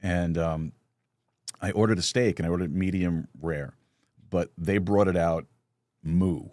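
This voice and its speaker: A middle-aged man with a low, slightly mellow voice hosts a live talk-show-style podcast, speaking at a moderate pace. He tells stories casually, restarting often and chuckling, and there's no room sound.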